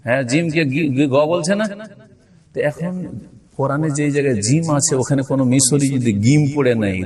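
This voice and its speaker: Male religious teacher, fairly high voice, lecturing and quizzing his class, recorded from a distance. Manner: explains slowly, checks understanding with frequent rhetorical questions; recites Arabic passages with careful pronunciation. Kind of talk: classroom lecture on Islamic law.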